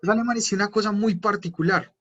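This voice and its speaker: A man teaching an online language class, patiently repeating words slowly for his students. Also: high voice, fairly bright tone, slightly rough, dull audio. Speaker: German teacher.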